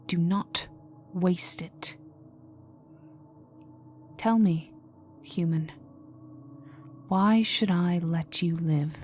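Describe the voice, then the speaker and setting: The same icy vampire heiress in mourning, bent on revenge, speaks in a cold, threatening mood over music in a dark, intimate ASMR roleplay. The woman's voice is fairly low and very slow, formal and commanding, with a menacing edge and frequent drops into a whisper.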